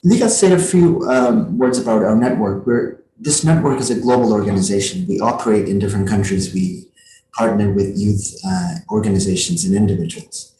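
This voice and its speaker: A young man from Afghanistan, co-founder of the network, giving an earnest, halting introduction on a live panel. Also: on the low side, expressive, warm tone, slight background noise. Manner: earnest, halting, with many fillers. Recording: echoey room.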